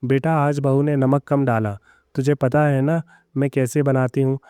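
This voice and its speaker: A man voicing a proud, bitter older mother-in-law who softens, speaking in a sharp scolding way. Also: mid-range voice, fairly even intonation, measured pace, clean tone, dry recording, clean studio sound, close to an everyday voice. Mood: taunting.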